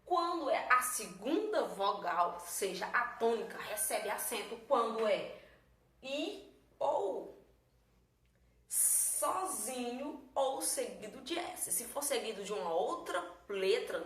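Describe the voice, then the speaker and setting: A woman teaching a lesson in a patient, explanatory way, with a slightly high voice. She is recorded in a roomy, echoing space from some distance, with faint background noise. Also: big pitch swings, slow, a bit bright. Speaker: Portuguese teacher.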